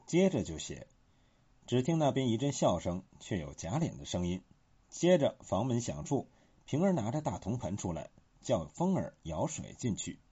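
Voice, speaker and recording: A man with a very husky, breathy voice reads scripted literary commentary, his tone dark and mellow. His pitch rises and falls in a lively way. The recording sounds dull and lo-fi.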